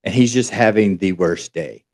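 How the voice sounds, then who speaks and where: Podcast co-host, male, low-ish voice, animated storyteller. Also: normal speed. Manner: animated retelling with acted quotes.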